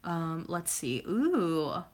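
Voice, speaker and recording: A woman's voice: on the low side, very animated, extremely slow. A woman in her twenties chatting at home on a livestream, reading comments in a rambling way, with lots of fillers and silly sound effects. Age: 20s. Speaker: YouTuber reading live chat. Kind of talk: casual livestream chat.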